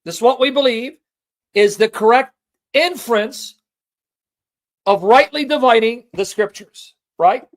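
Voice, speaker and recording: A man's voice: very high voice, a little slow, pauses often. A man teaching a Bible study, reading scripture aloud and explaining it, stressing his points and often checking in with listeners.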